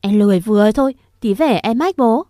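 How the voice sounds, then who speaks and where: Lady doing a tattling little village girl, high and whiny. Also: expressive, warm tone, no echo, studio quality, close to an everyday voice. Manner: pleading, quick to cry.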